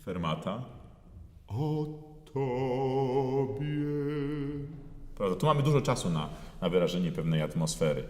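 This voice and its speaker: A man giving a singing lesson, talking through phrases slowly with many pauses and fillers, and singing parts of them out in full voice. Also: deep voice, very animated, a little mellow. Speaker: voice teacher. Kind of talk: singing lesson with sung demonstrations. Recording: roomy hall with long reverb.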